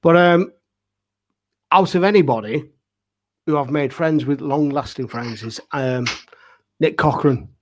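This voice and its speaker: A forty-five-year-old man, a pantomime dame and amateur theatre director, speaks casually as a guest on a panel. His voice is a little high, at a measured pace with long pauses. He is earnest and emphatic, often repeating himself to stress a point.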